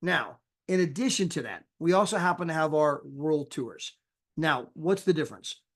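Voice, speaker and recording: A man's voice: on the high side, animated, moderate pace. A man giving a chatty sales presentation over a screen share, often tagging his points with "right?" and "you know".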